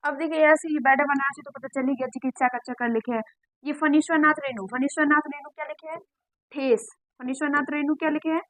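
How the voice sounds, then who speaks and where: Woman teacher, high voice, dry close sound, drills exam answers by repetition. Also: fairly even intonation, fast talker, a bit bright, no echo, poor audio. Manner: repeats questions and answers to drill points. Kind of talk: exam-prep lesson.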